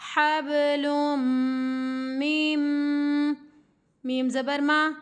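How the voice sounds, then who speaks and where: A woman's voice: high voice, fairly even intonation, normal speed, soft background music. A woman Quran teacher with a Pakistani Urdu accent, giving a patient step-by-step recitation lesson that spells out sounds syllable by syllable and poses questions to her students.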